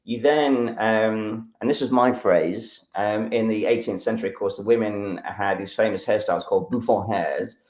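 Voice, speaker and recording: A man from England talks eagerly through a science demo on a live stream, wandering off-topic and using many fillers. His voice is fairly low and a little mellow, moderately paced with hardly any pauses, and sounds roomy.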